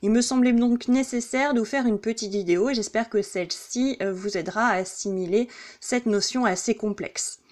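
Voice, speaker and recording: A woman teacher explaining a lesson in a video, slowly and carefully, with small slips and self-corrections, stretching out verse lines syllable by syllable. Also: fairly high pitch, darkish tone.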